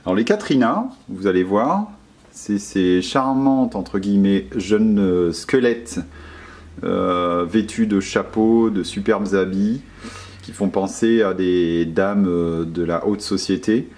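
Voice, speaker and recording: Guy showing off his decor, mellow voice, lots of ums and restarts. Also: low voice, slow. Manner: hesitant, many fillers and restarts. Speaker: home decoration vlogger. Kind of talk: casual voice-over tour of decorations.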